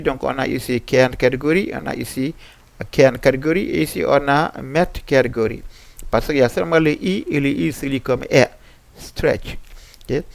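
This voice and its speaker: A man with a West African French accent walks learners through English sounds at a slow, deliberate pace. His voice is gravelly and he stops often with fillers. He repeats each example word several times, and the recording is dry and close. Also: a little high, no echo. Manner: frequent hesitation fillers. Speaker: teacher. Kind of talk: French-language pronunciation lesson on English sounds.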